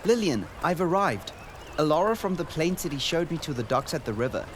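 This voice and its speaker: A man plays the same earnest boy traveler, gently narrating and speaking dialogue for his sister's recording in a fairly high voice with big pitch swings and a fairly quick pace. The mood is hushed wonder, set against clear, noisy outdoor ambience.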